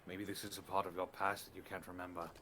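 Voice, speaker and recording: A man's voice: low voice, level tone, fast, pushed and bright, slight background noise. A man playing his character in a tabletop game, talking in a hesitant, musing way and often restarting. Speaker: player. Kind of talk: in-character tabletop role-play.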